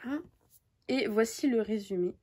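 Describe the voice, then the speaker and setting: Chatty young French-speaking woman, slightly high. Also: normal speed, darkish tone. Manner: chatty, many hesitations and restarts. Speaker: book YouTuber. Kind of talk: casual book haul chat.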